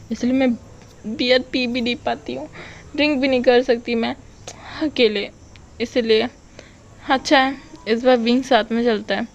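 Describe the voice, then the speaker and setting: A woman's voice: on the high side, a little mellow, muffled recording, slight background noise, close to an everyday voice. A woman voicing a playful young woman who teases her friend and chatters about missing her girlfriend. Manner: teasing, chatty.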